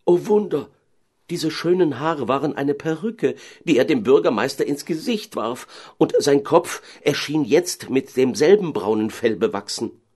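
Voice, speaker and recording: A man narrating a fairy tale in an expressive, dramatic way. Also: medium pitch, unhurried, husky.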